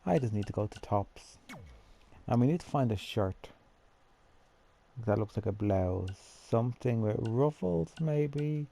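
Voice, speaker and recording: A man's voice: medium pitch, animated, a little slow, vocal fry, long pauses, mellow. A man chatting casually to himself as he builds a character in a game, thinking aloud as he goes. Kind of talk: casual gameplay commentary.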